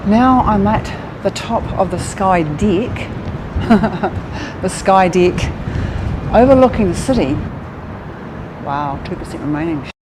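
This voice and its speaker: A woman's voice: medium pitch, lively intonation, slow, pauses often. A woman with a New Zealand accent, a travel vlogger walking outdoors in a city, exclaiming in wonder between sightseeing facts. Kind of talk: casual travel vlog narration. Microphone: handheld action camera or phone. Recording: noisy outdoor city sound.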